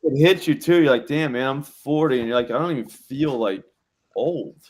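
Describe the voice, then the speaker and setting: Thirties male betting-show host, middle-pitched, relaxed drawl, casual chat. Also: moderate pace. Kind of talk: casual live-stream chat.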